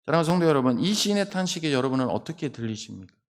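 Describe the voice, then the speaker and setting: A man's voice: fairly high pitch, big pitch swings, rapid-fire. A middle-aged man preaching a sermon as pastor, earnest and at times pleading as he voices the cries of the psalm. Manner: earnest, rising to pleading cries when voicing laments. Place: church sanctuary. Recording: long hall reverb.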